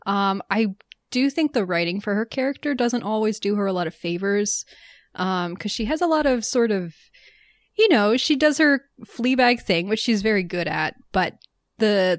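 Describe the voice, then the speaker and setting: A woman's voice: medium pitch, moderate pace, no echo. Chatty woman film podcaster. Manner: chatty, thoughtful, laughs easily. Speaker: podcast co-host. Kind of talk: casual chat.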